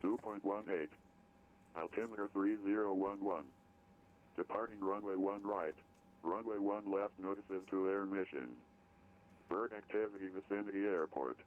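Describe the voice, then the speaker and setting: Deep guy reading the airport weather broadcast, tinny radio line, faint hiss, steady numbers. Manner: steady, measured readout of numbers. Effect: recorded airport weather broadcast over aircraft radio.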